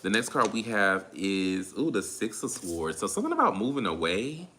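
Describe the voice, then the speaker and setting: Deep-voiced Southern man, laid-back tarot reader, tired, with faint noise behind him. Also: very animated. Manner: laid-back, drawn-out, repeats phrases while calling on spirit. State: tired, drained. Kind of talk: casual tarot reading monologue.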